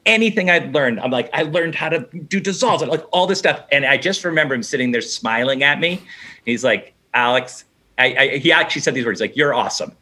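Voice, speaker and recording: A man's voice: mid-range voice, expressive, a little fast, sharp tone. A middle-aged man, an interview guest, telling a story casually and acting out both sides of the conversations.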